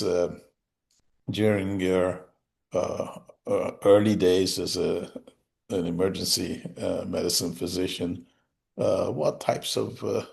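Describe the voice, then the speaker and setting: Guy from guyana hosting, deep low voice w some gravel, friendly chatty questions. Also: darkish tone. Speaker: host. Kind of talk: interview conversation.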